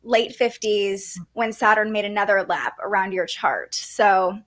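A woman hosting a podcast, giving a conversational astrology reading in a gentle, explanatory way. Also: mid-range voice, a little slow. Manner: gentle, explanatory, with light laughs and fillers.

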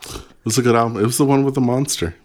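A man's voice: mid-range voice, fast. A man co-hosting a casual podcast, joking playfully with his friends. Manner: playful, jokey. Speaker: podcast co-host. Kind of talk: casual chat.

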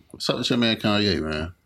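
A man in casual podcast chat, excitable, laughing often and repeating himself. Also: on the low side, gravelly. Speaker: podcast co-host.

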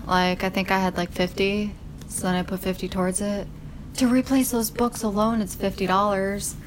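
A woman's voice: mid-range voice, level tone, moderate pace, slight background noise, rough recording. A woman in casual chat, talking in a chatty, offhand way.

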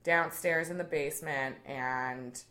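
A young adult woman comedian in a casual interview. She tells stories in an animated way, laughs often and swears now and then. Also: sits low, takes it slowly. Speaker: comedian, guest.

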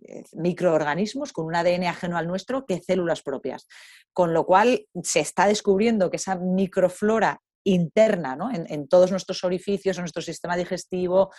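A woman talking in an interview, a lively storyteller who acts out the voices of others. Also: lowish voice, no room sound, clean studio sound. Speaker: guest. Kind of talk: conversational interview.

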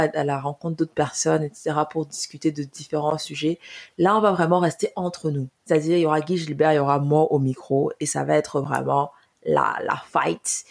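A woman in her twenties from Cameroon, co-hosting a podcast in a chatty, halting way with many fillers. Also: sits low, darkish tone. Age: 20s. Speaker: podcast co-host. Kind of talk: casual podcast chat.

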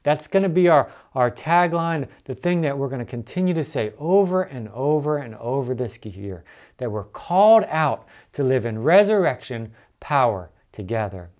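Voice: mid-range voice, expressive, normal speed, a little mellow. A church elder preaching earnestly and stressing key points by repeating them. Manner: earnest, emphatic repetition.

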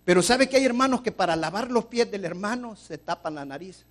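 Pastor, male, very high voice, emphatic sermon with loud peaks. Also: expressive, a little fast. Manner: emphatic preaching, builds to loud shouting.

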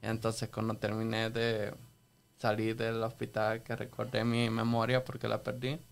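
A man from El Salvador telling his faith story on a church podcast, halting and earnest, full of restarts. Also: on the low side, monotone, gravelly, clear, resonant tone. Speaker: podcast guest sharing testimony. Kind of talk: casual church podcast talk.

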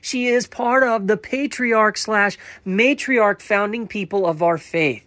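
A man's voice: high voice, measured pace, pushed and bright, no room sound. A man preaching in a recorded commentary, earnest and emphatic with a playful side.

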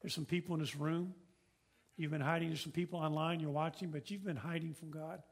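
A man with a notably high voice delivers a sermon from the pulpit. He speaks earnestly, circling back to his points and posing questions to the room. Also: steady tone, fairly quick, gravelly, breathy edge. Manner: earnest, repetitive preaching with rhetorical questions. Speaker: pastor.

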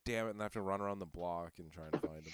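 A man's voice: sits low, steady tone, fast talker, a crowd in the background. A man casually co-hosting a podcast, rambling and teasing with plenty of swearing. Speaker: podcast co-host. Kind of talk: casual chat.

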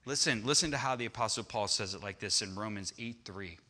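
A man's voice: lowish voice, fairly quick, sharp tone. A man preaching a sermon on prayer, emphatic and repetitive, building to fervent crescendos. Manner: emphatic, repeats phrases, rising to fervent crescendos. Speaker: pastor.

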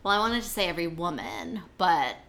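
A woman hosting a podcast in casual chat, chatty and giggly, sometimes talking in quick bursts. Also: on the low side, big pitch swings, a bit bright. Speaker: podcast host.

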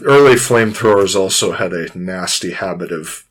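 A man talking through history in a casual but informative way, measured and precise, with careful qualifications. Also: low voice, crowd noise, rough recording. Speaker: history discussion speaker.

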